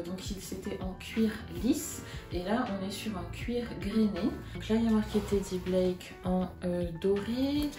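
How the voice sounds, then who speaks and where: Young female vlogger, unhurried, hesitant filler-heavy chat, echoey room with music underneath. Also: mid-range voice. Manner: chatty and hesitant, with many fillers and little interjections. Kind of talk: casual vlog chat, showing purchases and unboxing. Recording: roomy sound with music behind.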